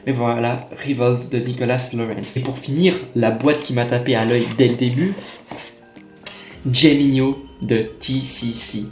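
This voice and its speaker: A young man talks his way through an unboxing in a loose, chatty manner, full of fillers and self-corrections. His voice sits in a middle pitch. The room is echoey, with faint music behind. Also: fairly even intonation, measured pace. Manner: chatty, many fillers and restarts. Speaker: magic unboxing vlogger. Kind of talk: casual unboxing chat. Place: room at a table. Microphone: camera on tripod.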